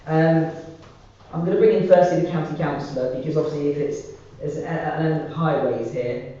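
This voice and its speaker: Man, slightly high mellow voice, heavy room echo, courteous halting meeting chair. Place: indoor parish council meeting room. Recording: muffled, echoey room, distant mic, faint noise.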